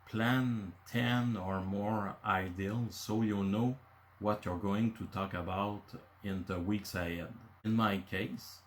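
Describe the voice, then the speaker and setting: A low-voiced man in his fifties from Quebec City, Canada, speaks with a slight hiss or hum in the background. A native French speaker with a Quebecois accent, he hosts his channel and talks casually from bullet points, dropping in many filler "uh"s.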